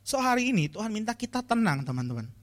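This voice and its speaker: A man's voice: sits high, very animated, fast. A man giving a casual, slangy youth sermon to viewers at home, often calling out to his audience. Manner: chatty, slangy, pleading refrains to the audience. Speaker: youth preacher.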